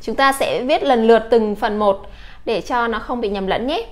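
A woman English teacher from Vietnam giving a patient lesson, slowly modeling English words for her students. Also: fairly high pitch. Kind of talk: classroom lesson.

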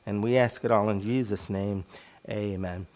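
A man's voice: fairly low pitch, steady tone, moderate pace, a little mellow. A middle-aged American pastor preaching from the pulpit of a church sanctuary. He speaks earnestly, repeating phrases and calling on the Lord as he prays. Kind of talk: sermon.

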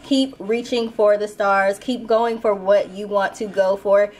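A woman's voice: medium pitch, steady tone, a little slow, a little mellow. A woman hosting a casual spoken tarot reading as the reader. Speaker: tarot reader and channel host.

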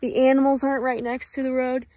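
Holding a phone at arm's length outdoors, a chatty, enthusiastic woman in her twenties narrates a casual vlog. Her voice is high and mellow, fast, with little movement in pitch. She films in the desert and inside a shop.

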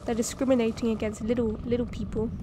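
High-voiced, jumpy woman horror game streamer. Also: level tone, quick pace, noisy background. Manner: jumpy, scared, sweary reactions. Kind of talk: casual horror game commentary.

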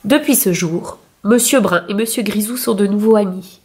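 A woman reading a picture book aloud for young children with clear, expressive storytelling. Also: medium pitch, normal speed, a little hiss or hum.

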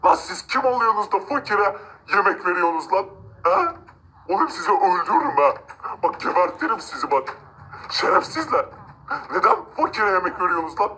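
A man's voice: high voice, sharp tone, low-quality recording. A man voicing an arrogant, cruel rich man who gloats, mocks and threatens villagers in a game-video drama. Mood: furious. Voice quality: gloating, mocking laughs. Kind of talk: amateur game role-play narration.

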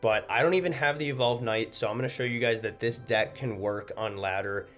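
Over loud background music, a young gaming host with a bit of a stuffy nose talks casually through his gameplay. His voice is mid-range and his delivery brisk.

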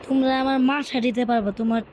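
A woman's voice: high voice, fairly even intonation, fast, background noise, natural voice. A woman voicing an exasperated, scolding female interviewer. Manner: scolding, impatient. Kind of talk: comic cartoon dub.

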